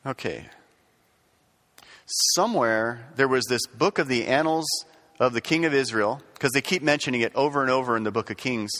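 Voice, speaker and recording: A man's voice: medium pitch, moderate pace, fairly bright tone. Rambling man teaching in an echoey room. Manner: folksy, rambling, many fillers and restarts. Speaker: Bible class teacher. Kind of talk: casual classroom lecture.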